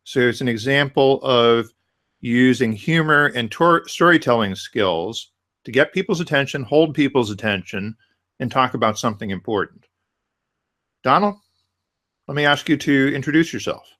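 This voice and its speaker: A man of medium pitch hosts a webinar interview over a video call. He introduces his guest and asks questions haltingly, often repeating words as he goes. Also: expressive, fairly bright tone. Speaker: webinar host.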